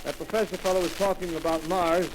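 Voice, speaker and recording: A man doing a drowsy country farmer, higher-pitched than most men, drawling slowly and rambling as he tells his story. The old radio broadcast is hissy with noise. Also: fairly even intonation, natural voice. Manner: slow rustic drawl, hesitant and rambling. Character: drowsy old rural farmer, slow and plain-spoken. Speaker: farm owner interviewed on air. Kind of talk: 1930s radio drama acting.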